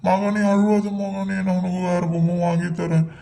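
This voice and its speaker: A man voicing a worried father who is trying to calm his crying little son in a cartoon story, with a pleading, fretful manner. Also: high voice, normal speed, gravelly.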